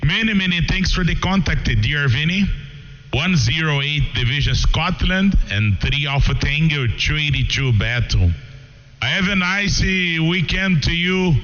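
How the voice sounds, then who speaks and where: Over muffled radio audio with long reverb, a Brazilian amateur radio operator, a native Portuguese speaker, makes a ham radio contact in broken English using short phrases. His voice is on the high side, expressive and sharp, and he speaks unhurriedly.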